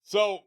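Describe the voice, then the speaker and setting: A man hosting a casual stream, talking excitedly about a film, rambling and swearing freely. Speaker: webshow host and streamer.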